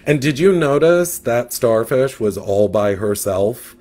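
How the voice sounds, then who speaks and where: A man's voice: medium pitch, expressive, measured pace, darkish tone, natural voice. A man voicing a sassy, gossipy male catfish who dramatically gives life advice in a storybook. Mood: sassy advising.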